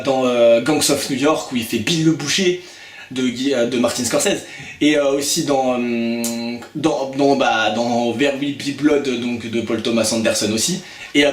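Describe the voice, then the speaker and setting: A man of middle pitch talks through his film picks in a loose, unscripted way, stumbling over words and padding with fillers as he goes. His voice carries a noticeable echo from the room around him. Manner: hesitant, many fillers and restarts. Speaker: film reviewer. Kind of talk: casual video review.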